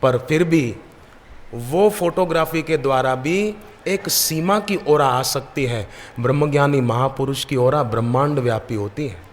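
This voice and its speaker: A man's voice: mid-range voice, unhurried, a little hiss or hum. Man preaching in a reverberant hall. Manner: lively storyteller who acts out the people in his anecdotes. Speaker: spiritual preacher. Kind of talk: devotional sermon with storytelling. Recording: long reverb of a large hall.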